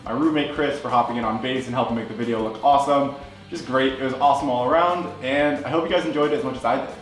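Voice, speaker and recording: A man's voice: medium pitch, fast talker. A young man in his twenties, chatting upbeat and self-deprecating in a casual behind-the-scenes vlog. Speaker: video creator and host. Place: basement set, indoors. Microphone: handheld camera at arm's length and seated interview. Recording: echoey basement room with faint music.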